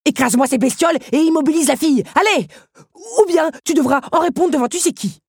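A woman voicing a bossy male puppet automaton who barks orders in a raised, shrill voice. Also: lively intonation, fast talker, no room sound, clean studio sound. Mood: furious shouting. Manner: barking orders, shouting.

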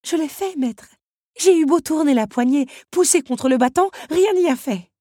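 A woman's voice: big pitch swings, brisk, dark tone, husky, dry recording, studio quality. A woman voicing an anxious, motherly teapot housekeeper who frets and weeps. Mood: worried. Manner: high, tearful, fretting.

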